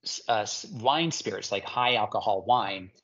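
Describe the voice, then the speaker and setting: A guest ceramic artist from Hawaii chats in a casual interview, his fairly low-pitched voice bright in tone and moving at a moderate pace. He rambles with enthusiasm and lots of fillers, captured in lo-fi sound.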